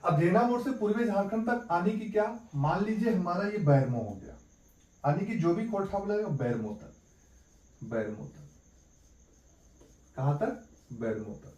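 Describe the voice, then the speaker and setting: A man's voice: high voice, lively intonation, moderate pace, long pauses, warm tone. Man teaching in an echoey room. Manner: repeats key points as questions and answers them. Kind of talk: exam-prep lesson. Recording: echoey room, mic at a distance.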